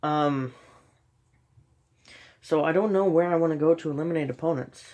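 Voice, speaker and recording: Playing a game at home in a dark room while filming the TV screen, a young gaming channel host chats casually, sniffly from a slight cold. He rambles with many ums and a self-deprecating tone. His voice is on the high side and darkish in tone, at normal speed, and the audio sounds dull.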